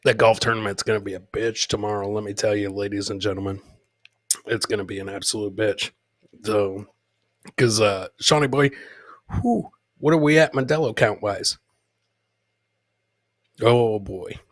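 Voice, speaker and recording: This middle-aged man has a lowish, fairly even voice, speaking at a moderate pace and pausing often in a dry recording. He's hosting a comedy podcast's casual live stream, cursing freely, repeating phrases for effect, and performing for his audience.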